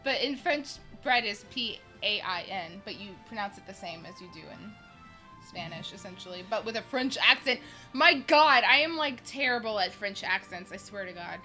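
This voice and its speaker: A young woman co-hosting a gaming stream, excitable and bubbly, often stammering as she talks. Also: mid-range voice, normal speed. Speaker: streamer co-host. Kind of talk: casual gaming stream chat. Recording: faint game music behind.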